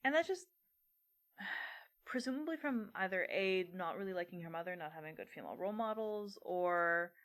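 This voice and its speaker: A woman's voice: fairly low pitch, expressive, moderate pace, a bit bright. A young woman co-hosting a casual book-discussion podcast, talking things through with frequent laughter. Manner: laughs often while talking. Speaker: podcast co-host.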